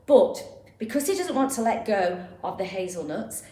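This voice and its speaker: A woman's voice: mid-range voice, sing-song, normal speed, warm tone. A woman presenting a children's assembly sketch, chatty and patiently explaining a fable. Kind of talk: friendly storytelling to children. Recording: echoey room, faint noise.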